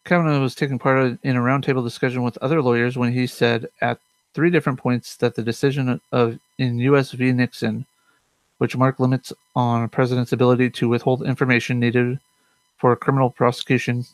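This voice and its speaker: A young man hosts a casual politics commentary show from his room at home, talking fairly quickly in a level, mid-range voice with no echo. He rambles with fillers, corrects himself, and mutters under his breath.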